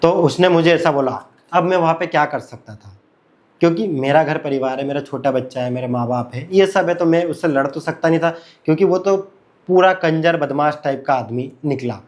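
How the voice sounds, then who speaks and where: A man's voice: fairly high pitch, fairly quick. A man casually telling a personal story, repeating his phrases and speaking conversationally with fillers.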